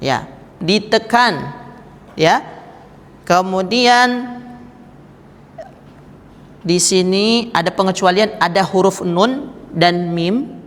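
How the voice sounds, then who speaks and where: A man's voice: high-pitched, extremely slow, long pauses. A man teaching Quran recitation, patiently demonstrating and repeating each sound for his students. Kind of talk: slow step-by-step recitation lesson. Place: mosque. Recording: echoey room with long reverb.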